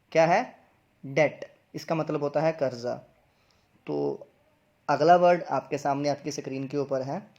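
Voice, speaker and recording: A young man teaches English pronunciation in a video lesson. His voice sits a little high, and he explains step by step, saying each word twice. The recording sounds dull and lo-fi. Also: a little mellow.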